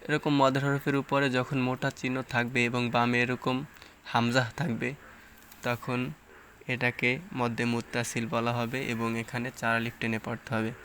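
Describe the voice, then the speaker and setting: Bright-voiced man teaching recitation. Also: medium pitch, little pitch movement, a little hiss or hum. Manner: explains rules plainly, then recites verses slowly and drawn out; asks and answers his own questions. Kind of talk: tajweed lesson, explaining and reciting.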